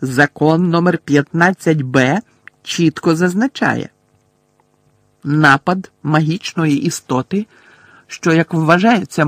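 A man's voice: a little high, no room sound, studio quality, pitched above the performer's own voice. A man voicing a frightened, officious witch official who lectures pompously about laws, in an audiobook.

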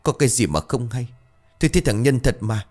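A man's voice: mid-range voice, sing-song, a little fast, a little mellow, soft background music. A man voicing a grieving, superstitious middle-aged mother who pleads and insists on what she saw, in a narrated ghost story. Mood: pleading.

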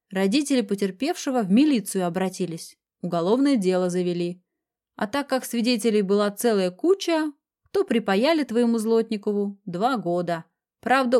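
A woman's voice: mid-range voice, darkish tone, lightly acted. A woman reading the part of a self-important male police lieutenant colonel with a patronizing manner. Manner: patronizing, pleased with himself.

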